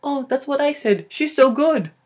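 This is a breathless, high-pitched older fan, as a young man puts him on. He speaks with a Filipino accent and gushes eagerly. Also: normal speed. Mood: gushing. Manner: high, excited, fawning.

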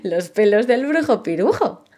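Cheeky clever little girl voiced by a woman, patient and teasing, sing-song rhymes, lively pitch. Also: normal speed.

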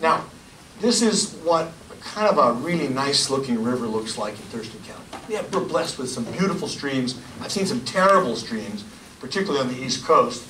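A man in his forties giving a loud, energetic public science lecture to a room of listeners. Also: mid-range voice, moderate pace, a little hiss or hum. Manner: loud, energetic, gestures and points at slides. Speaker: county hydrogeologist giving a public talk. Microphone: lapel mic, filmed from the room. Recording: echoey room, voice from far off.

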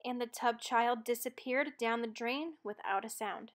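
Reading a little slowly, a woman with a fairly high voice narrates a children's storybook with lots of expression.

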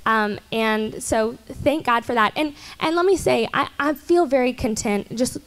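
A young woman in her twenties speaking on a church stage panel, chatty and earnest with many ums and soft laughs, into a handheld mic. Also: on the high side, measured pace. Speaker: panel guest.

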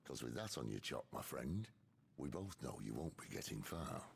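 An actor playing a gruff, wry middle-aged rebel leader in a video game, with a raspy voice and a dry, measured, knowing delivery. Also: male voice, a bass voice, big pitch swings, slight background noise, heavily acted.

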